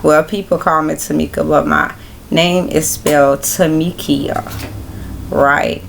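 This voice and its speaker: A woman hosting a casual Bible study livestream, talking in a relaxed, rambling way straight to her viewers. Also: low-pitched, unhurried, gravelly, slight background noise. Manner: relaxed, rambling, speaks directly to viewers as y'all.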